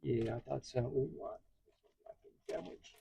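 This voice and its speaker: A man casually telling stories in a vlog from inside his parked vehicle, getting animated as he retells what happened. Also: medium pitch, slow, vocal fry, slightly rough, low-quality recording. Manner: chatty, animated when retelling a story. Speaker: vlogger.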